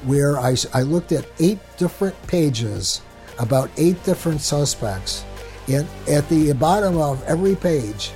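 A man's voice: a little high, animated, a little slow, darkish tone, faint music behind. A man working as a cold case investigator, speaking bluntly in an interview and often repeating himself as he restarts his sentences. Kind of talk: candid interview.

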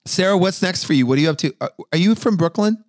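Speaking quickly in a high, expressive voice, a man hosts a podcast over a video call. The casual chat is profane and rambling, and he says himself that he's drunk.

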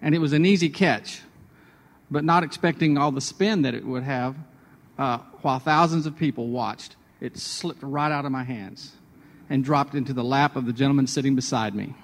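A man's voice: medium pitch, moderate pace. Chatty man in a reverberant hall. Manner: chatty, self-deprecating, with restarts. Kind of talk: conversational devotional storytelling.

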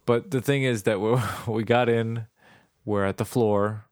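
Animated low-voiced young man, dry sound. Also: measured pace, clean tone, dry recording. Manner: animated, laughing, jumps in with asides. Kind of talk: casual chat.

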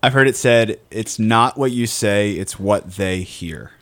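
Man, low pitch, reflective, many fillers, casual chat. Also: unhurried, a bit bright. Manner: reflective, with fillers and repeated words.

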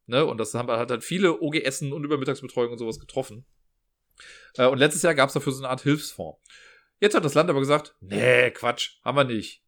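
This man talks fast and chatters away in a mid-range voice. He works in after-school care and is delivering a casual personal vlog monologue, telling stories like a chatty raconteur who acts out dialogue and keeps adding "ne?" tags.

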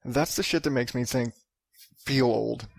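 A man's voice: medium pitch, unhurried, creaky, no room sound, studio quality. A man in his thirties rambling through a casual solo podcast monologue, profane and self-mocking. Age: 30s. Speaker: podcast host.

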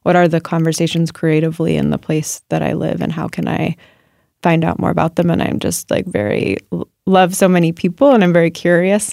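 A woman writer, appearing as a guest, answers interview questions thoughtfully and searchingly, with many fillers and restarts. Her voice is on the low side, mellow, with vocal fry, and there's no echo.

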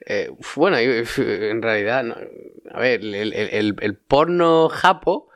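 A man, chatting casually and pausing with fillers before his points. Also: mid-range voice, a bit bright, no room sound, studio quality. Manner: hesitant, with many fillers and restarts. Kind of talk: casual chat.

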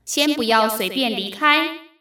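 A woman teacher reading flight notices as a female airport announcer, in a formal, measured way, as if over an airport intercom. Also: a little high, lively intonation, bright, forceful tone. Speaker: Chinese teacher. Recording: roomy, distant-miked echo.

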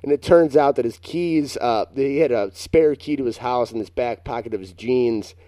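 A man's voice: medium pitch, normal speed, mellow, dry recording, clean studio sound. A young man co-hosting a casual chat, telling a long, rambling, self-mocking story. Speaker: podcast co-host.

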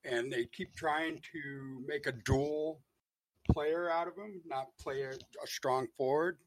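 A man's voice: fairly high pitch, steady tone, slow, no room sound. Australian male caller, crackly fading phone line, dry sound, hesitant but opinionated. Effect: crackly phone line that fades in and out. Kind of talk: sports talk call-in.

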